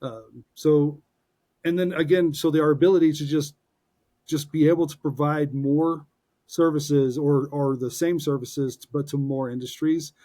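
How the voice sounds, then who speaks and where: Co-hosting a podcast, this forties-aged man keeps things light and upbeat, poking fun at his partner with jokes and frequently restarting amid lots of fillers. He speaks a little slowly in a fairly high, mellow voice with fairly even intonation.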